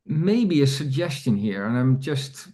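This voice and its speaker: A man's voice: medium pitch, sing-song, a little slow, warm tone. A man hosting an online community meeting over a video call, speaking hesitantly with many fillers and restarts. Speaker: meeting host.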